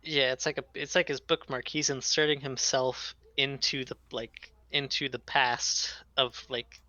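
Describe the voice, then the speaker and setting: A man's voice: mid-range voice, fairly even intonation, measured pace, bright, forceful tone. A man in casual chat about a manga, mostly agreeing and adding his own takes. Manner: agreeable, backchannels often, chimes in on the story. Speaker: podcast co-host.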